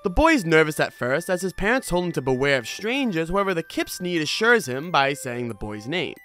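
Fairly quick and sing-song, his high-leaning voice carries a fairly bright tone. The man hosts a horror review channel on video, and his scripted commentary unfolds like casual storytelling, sprinkled with asides.

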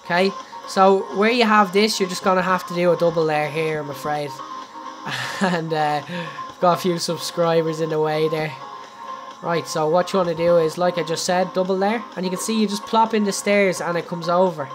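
A man's voice: high voice, fairly even intonation, moderate pace. A young Irish man casually walking viewers through a building tutorial on a game live stream, chatty, laughing often and speaking straight to his audience. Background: faint background music.

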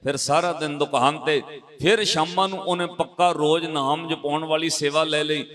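A male Sikh preacher tells a moral story in a sermon. He stresses and repeats key phrases as he addresses the congregation. His voice sits fairly high for a man. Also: fairly even intonation, normal speed, a bit bright. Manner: emphatic, repetitive and addresses the congregation.

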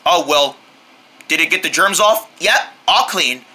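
A woman voicing a fussy cartoon friend who talks in a lower, bossy, questioning way. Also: lively intonation, unhurried, pushed and bright, heavily acted. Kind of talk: homemade cartoon voice acting.

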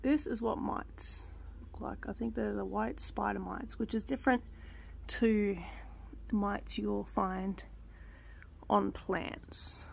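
Holding her phone close outdoors, a young woman vlogs casually about her backyard garden, rambling with plenty of ums and dropping to a whisper when up close. Her medium-pitched voice is creaky and slow, with slight background noise.

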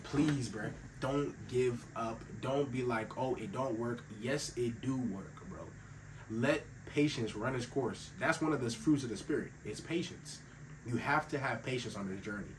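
A man's voice: medium pitch, moderate pace. A young man with a slightly sick voice giving an earnest, emphatic motivational talk, calling his listeners bro and fellas. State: voice a little sick. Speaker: faith-based self-improvement YouTuber. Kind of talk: casual motivational talk to camera. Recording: slightly distant mic with faint ambient noise.

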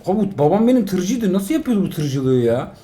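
Excitable man commenting on a game. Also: sits high, moderate pace, soft background music. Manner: excitable, exasperated, joking. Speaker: father playing a mobile game with his son. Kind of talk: casual gaming commentary.

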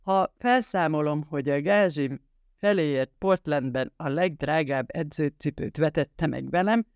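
A man's voice: a little high, clean tone, dry recording, studio quality, lightly acted. A man reading a bantering, mock-formal grown man. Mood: playful. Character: playful, joking grown man.

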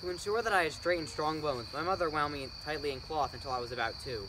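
A man's voice: on the high side, fast, close to an everyday voice. A teenage boy acting as a cocky, teasing Athenian boy talking about his childhood in a school project drama. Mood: telling. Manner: teasing, blunt. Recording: noisy outdoor recording with crickets.

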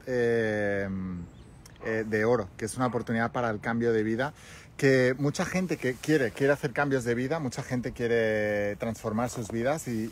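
Spanish guy in his 40s, phone at arm's length outside, pushy upbeat pitch for his mentoring, lots of "vale?". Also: a little hiss or hum. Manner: enthusiastic, persuasive, many tag questions. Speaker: money mentor. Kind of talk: selling a mentorship on a live stream. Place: outdoors on a hillside with sea views.

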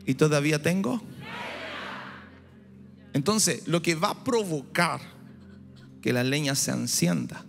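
Gravelly and on the high side, this animated voice moves slowly and pauses often. It belongs to a pastor in his forties, born in Chile, delivering a fervent sermon through a handheld mic to a large congregation on a big church stage, rising to shouts and exclamations. Music plays in the echoey hall.

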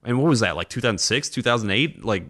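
A man's voice: on the low side, lively intonation, fast, fairly bright tone. A man hosting a podcast, rambling casually with self-deprecating asides, sounding tired. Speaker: podcast host. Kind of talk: casual chat.

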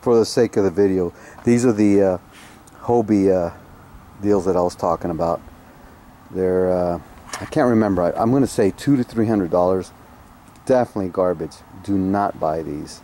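A man with a fairly low, mellow voice talks through a casual product review, stopping often for fillers and restarts. He gives blunt opinions. He is recorded outdoors on a camera mic, with faint ambient noise behind him. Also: moderate pace. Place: outdoors on a home driveway.

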